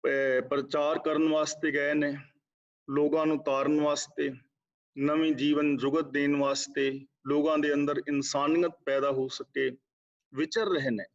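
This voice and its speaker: A man giving a scripture exposition class, chanting verses slowly and explaining them in a measured way. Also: fairly high pitch. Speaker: Sikh scripture teacher. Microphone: video call. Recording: dull lo-fi online class audio.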